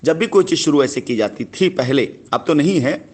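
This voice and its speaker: On a phone call, a man plays a company head answering a customer, insistently and persuasively explaining himself and repeating his phrases. His voice is a little high and animated, with a breathy edge, at normal speed.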